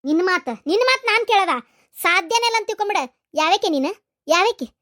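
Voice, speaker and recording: A woman with a North Karnataka Kannada accent voicing a fierce, scolding middle-aged mother-in-law in a cartoon, in a shrill, harsh manner. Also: animated, fast talker. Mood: angry scolding. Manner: harsh, accusing, loud scolding. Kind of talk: cartoon voice acting.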